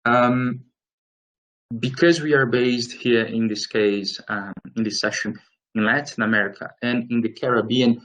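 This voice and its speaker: The webinar presenter, a man from Brazil in his late thirties, speaks with a Brazilian Portuguese accent while hesitantly explaining his slides in a semi-scripted instructional talk. He's a little slow, medium-pitched and fairly bright, with fairly even intonation, and the audio's highs are cut off.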